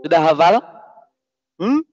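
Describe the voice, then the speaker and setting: This children's presenter at a school holiday event has a fairly high, expressive voice with a darkish tone, and he speaks slowly. Joking with the schoolchildren, he teases them and rattles off call-and-response questions. The recording has no echo and sounds dull, lo-fi, and dry.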